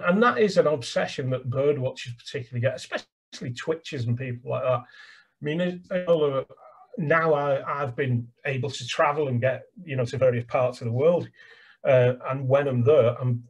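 Speaking through a webcam from a small room at home, this birdwatching guide from England has a husky, mid-range, slightly mellow voice. His laptop video call is a casual chat, and he is enthusiastic, gesturing and repeating words.

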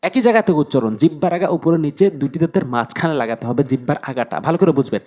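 A man teaching correct Quran pronunciation, slowly repeating Arabic letter sounds and explaining where each is formed in the mouth. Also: on the high side, animated, darkish tone. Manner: slow, drawn-out repetition of Arabic letter sounds; patient, instructive, urges viewers to practise.

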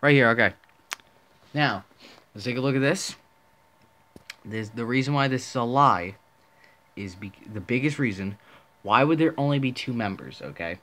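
A small online video creator rambles indignantly through a casual commentary video, often restarting his sentences. His voice is medium-pitched and fairly bright, at a normal speed with frequent pauses.

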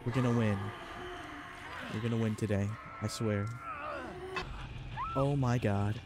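A man's voice: on the low side, steady tone, measured pace, noisy background. A young man with a stuffy, congested voice giving casual gameplay commentary, boasting jokingly about his skill and swearing when things go wrong. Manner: self-mocking, joking boasts, swearing in panic. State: congested from a cold. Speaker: gaming video creator. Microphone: desk mic. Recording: game music playing behind voice. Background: game music.

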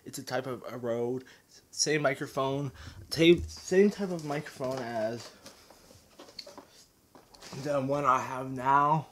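A vlogger speaks slowly to his viewers, pausing often as he drifts between topics and restarts his thoughts. His mid-range voice sounds bright, forceful, and slightly winded through the handheld camera mic, with a bit of background noise.

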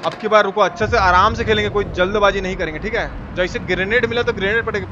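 A game streamer with a high voice talks fast in a fairly even tone, giving casual, slangy live commentary as he grumbles at the game and chats with viewers. The audio is noisy with the highs cut off, and video game sound effects run underneath.

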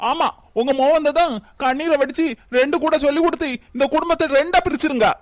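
A hurt, defensive young daughter-in-law played by a woman argues back in a high, pleading cartoon voice. The recording is close and dry. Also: fast talker, no echo, natural voice. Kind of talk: cartoon comedy voice acting.

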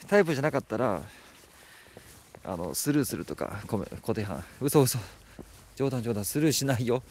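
A man's voice: mid-range voice, lively intonation, normal speed, a little mellow, slight background noise. A man live-streaming outdoors at night, chatting casually and teasing as he reads out viewer comments. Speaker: livestreamer. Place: outdoors at night at a rural spot.

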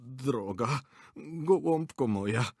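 A man's voice: medium pitch, lively intonation, takes it slowly, darkish tone, slightly rough, dry recording, clean studio sound, pitched above the performer's own voice, full character voice. A man voicing a cowardly old theatre director who pleads in a trembling, lisping whisper. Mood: pleading.

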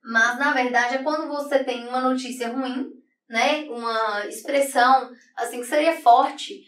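This high-pitched woman teacher talks unhurriedly, her tone steady and a bit bright, explaining figures of speech for an online exam-prep lesson. She keeps asking "né?" to make sure the class follows, writing on a board in an echoey room recorded from a distant mic.

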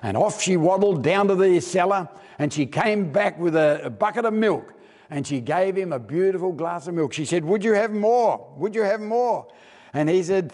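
An Australian man preaching a storytelling sermon, acting out the characters' lines and slowing down for emphasis. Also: sits high, a little mellow. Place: church hall. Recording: long church hall reverb.

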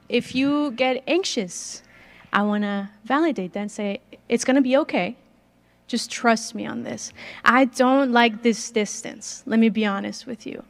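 A guest speaker in her twenties from northern Mexico, a native Spanish speaker with a slight Mexican accent, delivers a conversational sermon in a fairly high voice. Holding a handheld mic in a large gym, she chats with the audience and asks them questions.

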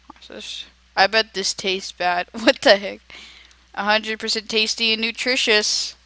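An excitable teenage boy narrates his game aloud in a chatty, rambling way. His voice is bright and smooth, and the recording is dry and close. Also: high voice, no room sound, low-quality recording. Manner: excitable, chatty, talks to himself while playing. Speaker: gaming video creator. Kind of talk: casual gameplay commentary.

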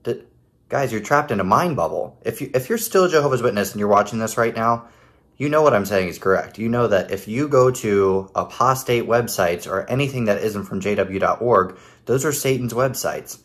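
Low-voiced man giving sarcastic commentary. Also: animated, moderate pace. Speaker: host of a commentary video. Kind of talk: casual critical commentary. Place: living room at home.

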